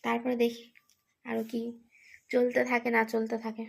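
A woman's voice: on the high side, monotone, normal speed, gravelly. A woman, tired, rambling through an exasperated casual vlog monologue with many fillers. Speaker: vlogger, daughter caring for her ill father.

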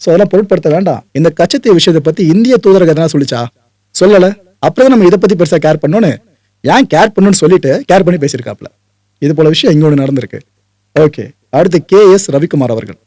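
A man hosting political news commentary in a brisk, conversational way, dropping in English words. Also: a little high, expressive, warm tone, no room sound. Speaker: host.

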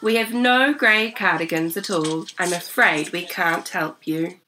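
A woman's voice: lowish voice, unhurried, bright, forceful tone, slight background noise, rough recording. A woman voicing a polite, apologetic young male shop assistant in a storybook reading.

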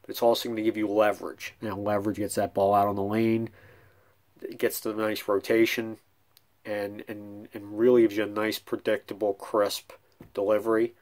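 A man's voice: lowish voice, level tone, normal speed, a little mellow. Middle-aged man coaching casually at home. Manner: conversational, many restarts and ums, demonstrating with hands. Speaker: bowling coach. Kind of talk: casual instructional vlog. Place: small room at home, indoors.

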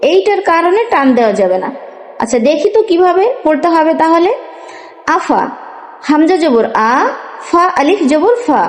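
A woman's voice: high-pitched, darkish tone. A woman teaching a Quran reading lesson, patiently spelling out letters and asking questions as she goes. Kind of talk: step-by-step recitation lesson. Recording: echoey room with long reverb.

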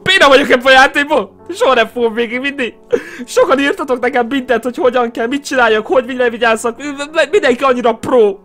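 A man giving let's play commentary on a horror game, breaking into loud screams and panicked shouts. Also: very high-pitched, hardly any pauses, faint music behind. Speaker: gaming YouTuber.

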